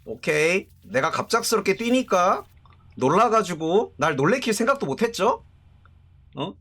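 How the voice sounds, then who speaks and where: A man's voice: high voice, very animated, normal speed, bright, forceful tone. A man streaming a horror game, casually joking and talking back to the characters on screen. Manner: jokey, chatty, talks to the game. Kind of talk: casual gameplay commentary.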